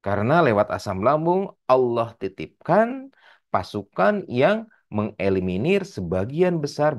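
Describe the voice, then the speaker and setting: Animated Sundanese-accented man lecturing. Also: lowish voice. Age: 40s. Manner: animated, addresses audience directly. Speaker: speaker at a religious study session. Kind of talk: religious study lecture.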